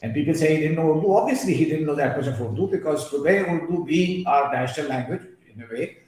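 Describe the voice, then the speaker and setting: Over a video call from a very echoey room, a man guesting on a webinar lectures earnestly and emphatically, wandering into personal asides and filling pauses with "uh." His voice is fairly high-pitched and a little mellow.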